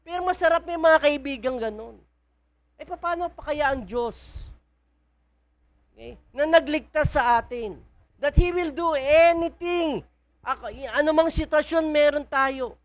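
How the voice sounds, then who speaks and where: In a church, a woman with a Filipino accent preaches a sermon mixing Tagalog and English, often putting questions to the congregation. Her voice sits high and moves a little slowly.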